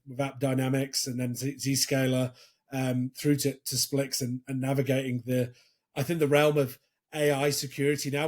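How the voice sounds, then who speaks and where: A man's voice: mid-range voice, darkish tone. A man hosting a startup podcast, reading a scripted intro and then asking questions with many restarts. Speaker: podcast host. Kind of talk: podcast interview.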